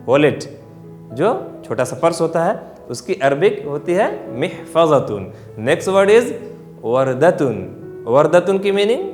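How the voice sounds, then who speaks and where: Slow, higher-voiced man teaching Arabic words. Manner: slow, deliberate repetition of words for learners; mixes English phrases into his explanations. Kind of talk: vocabulary lesson with drills.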